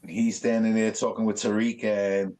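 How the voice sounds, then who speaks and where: A man, a graffiti artist, telling stories in a casual interview, animated and full of swearing and street slang. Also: on the low side, normal speed.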